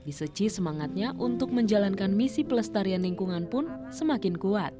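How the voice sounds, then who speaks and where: A woman reading scripted documentary narration in a measured, even way. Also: mid-range voice, over loud music.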